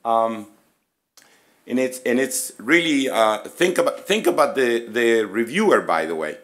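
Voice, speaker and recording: Male presenter, middle-aged, raspy and losing his voice, halting conversational lecture delivery at a podium mic. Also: medium pitch, lively intonation, a bit bright. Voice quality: hoarse, raspy voice. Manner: halting, conversational, inviting questions. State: losing his voice, throat-clearing. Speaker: physics professor, presenter. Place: conference room, at a lectern. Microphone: gooseneck lectern microphone.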